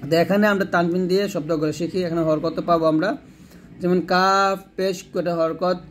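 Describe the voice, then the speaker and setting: A man with a fairly high voice teaches Quran reading step by step. He names each letter and its vowel mark, then joins the sounds into whole words. He has the viewer repeat each word after him. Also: steady tone, a little fast, slight background noise. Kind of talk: spelled-out recitation lesson.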